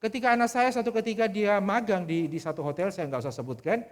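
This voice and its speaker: A man's voice: sits high, fast talker. A middle-aged man preaching a sermon, telling a personal story in an earnest, conversational way with frequent restarts. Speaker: pastor. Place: church service.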